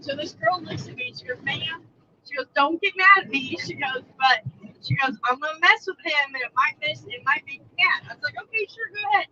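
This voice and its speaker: A woman, co-hosting a live stream from a truck and chatting through viewer comments in an animated, laughing way. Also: high-pitched, brisk, highs cut off. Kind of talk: casual live-stream chat reading comments. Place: inside a truck cab on the road.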